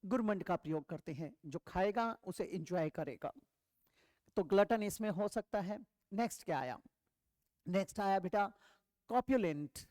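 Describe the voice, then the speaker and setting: A woman teaching an exam vocabulary lesson, asking questions and answering them herself, reading English definitions slowly. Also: medium pitch, lively intonation, darkish tone, no echo. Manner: explains step by step, asks and answers her own questions, calls students "beta".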